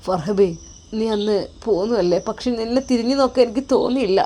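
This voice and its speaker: A woman voicing a remorseful young husband begging forgiveness, speaking softly in a choked, pleading way with a Malabar Malayalam accent. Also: a little high, fairly quick, close to an everyday voice.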